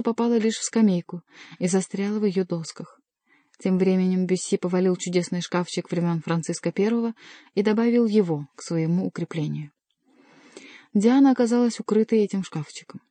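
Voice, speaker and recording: A woman narrating an adventure novel as an audiobook reader, in an even, measured storytelling manner. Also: mid-range voice, no echo. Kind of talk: scripted narration.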